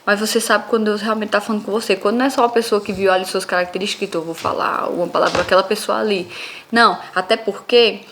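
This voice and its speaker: A woman's voice: medium pitch, steady tone, rapid-fire, background noise. A young woman, telling a personal faith testimony in an earnest, conversational way and speaking straight to her listeners. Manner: earnest, addresses listeners as "minha gente".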